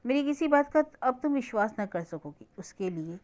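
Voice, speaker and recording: A woman's voice: fairly high pitch, lively intonation, darkish tone, voice pushed up, natural voice. A woman reading a remorseful young man pleading. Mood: earnest pleading. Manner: earnest, pleading, measured.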